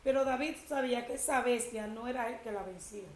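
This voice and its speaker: A woman's voice: a little high, a little fast, echoey room, slight background noise, poor audio. A woman preaching a testimony in a sermon, telling her story with emphatic quoted speech.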